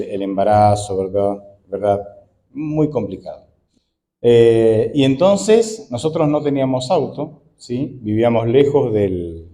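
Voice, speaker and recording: A man's voice: fairly low pitch, warm tone. A man in his forties, an Argentine pastor, preaching a conversational sermon full of rhetorical questions. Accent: Argentine Spanish.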